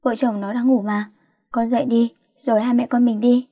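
A woman's voice: fairly high pitch, little pitch movement, normal speed, mellow, no room sound, clean studio sound, lightly acted. A woman voicing a middle-aged mother who nags and scolds her grown daughter. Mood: nagging. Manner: nagging, scolding. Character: nagging middle-aged mother, fussy and worried.

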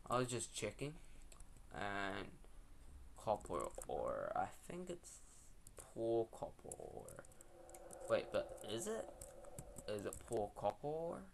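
A man's voice: lowish voice, vocal fry, slight background noise. A young man giving casual, rambling, slangy gameplay commentary as a video host.

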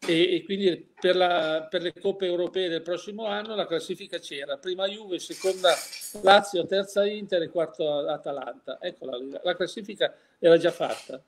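His voice sits high and moves at normal speed, with a little hiss or hum behind it. The older interviewee speaks casually and opinionatedly, asking rhetorical questions and frequently starting sentences over.

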